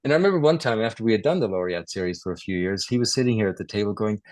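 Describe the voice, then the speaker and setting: An older man, a guitarist and record producer, telling stories in a relaxed interview with chuckles and self-corrections. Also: fairly low pitch, racing, no room sound. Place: his home.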